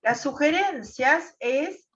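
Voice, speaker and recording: High-pitched teacher lady, talks slow and patient, muffled lo-fi sound from a bit far off. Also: expressive. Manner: patient, explains with questions and tag words. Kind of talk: online class lesson.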